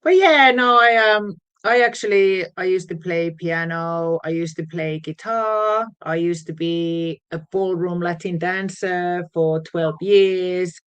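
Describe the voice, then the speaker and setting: A Finnish-accented woman from Finland, raised speaking Finnish and Swedish, guests on an interview as a DJ and producer, talking casually about her music path with fillers and frequent laughs. Her clean-toned, low-side voice goes slowly with hardly any pauses, though the recording is muffled.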